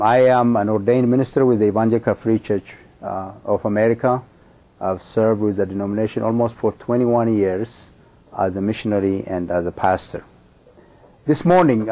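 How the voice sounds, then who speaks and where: A middle-aged man from Ethiopia delivers a sermon. He speaks in a measured, emphatic way, with frequent pauses and ums between thoughts. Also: on the low side, a little mellow. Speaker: pastor.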